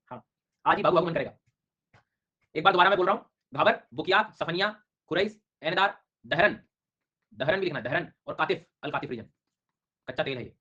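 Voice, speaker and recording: A middle-aged man teaches a live online class at a fast clip, his voice bright and pitched a little high. He jokes and teases his students as he drills a list of names. The audio is dull and lo-fi. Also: husky. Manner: joking, teasing students while drilling names. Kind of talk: online exam-prep lecture.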